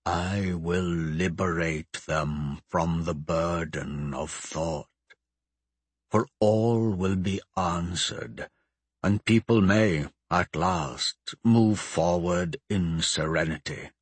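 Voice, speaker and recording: An ancient undead sorcerer, with an extremely deep, husky voice. He speaks slowly and with commanding calm, cold and grandiose, in a dry, close audiobook sound. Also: dry recording, heavily acted. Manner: slow, measured, commanding. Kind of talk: audiobook character voice.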